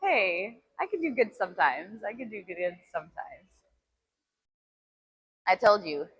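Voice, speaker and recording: Between sets at the gym, this Albanian-native woman reads viewer comments aloud and laughs a lot during her casual workout live stream. Her medium-pitched voice is unhurried, a bit bright and slightly rough, with big pitch swings, and the audio is low quality.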